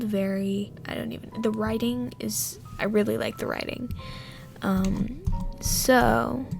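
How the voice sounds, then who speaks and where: A woman host reading a scary story aloud in a hushed, often whispered voice, then chatting casually with fillers; her voice is husky. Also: a little high.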